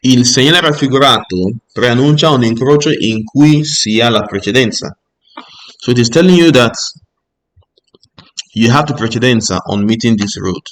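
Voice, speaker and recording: A man talking through a driving theory lesson in a steady, patient way. His voice sits at an ordinary middle pitch. He reads out each rule, then explains it plainly and checks in with the listener. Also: moderate pace.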